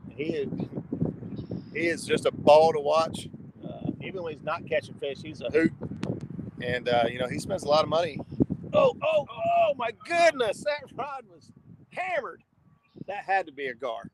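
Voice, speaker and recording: A man with a gravelly, medium-pitched voice hosts an outdoor fishing livestream from a riverbank, chatting casually in a folksy way and sometimes reading comments aloud. The livestream audio is noisy, with traffic audible in the background.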